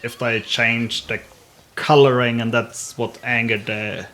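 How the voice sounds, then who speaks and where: A man's voice: medium pitch, little pitch movement, measured pace, pushed and bright. A man with a New Zealand accent playing a tabletop game, thinking aloud and stumbling over words. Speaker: player. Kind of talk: casual tabletop play.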